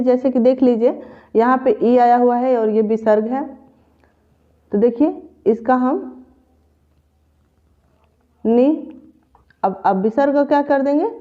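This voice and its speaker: A woman teaching a grammar lesson for exam preparation, patiently repeating each example step by step. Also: a little high. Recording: tinny phone-like audio.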